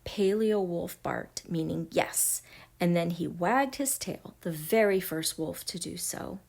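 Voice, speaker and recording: Woman reading a kids' storybook out loud, slow and gentle, goes hushed sometimes. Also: fairly low pitch, creaky. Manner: gentle, expressive, dropping to a hush at times. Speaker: storybook reader. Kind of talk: reading a children's picture book aloud.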